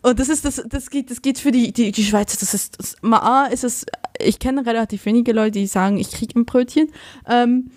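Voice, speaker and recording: A woman's voice: on the high side, normal speed, a little mellow, no echo, studio quality. A young woman, chatting as a guest and animatedly acting out the people she quotes. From Switzerland. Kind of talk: casual conversation.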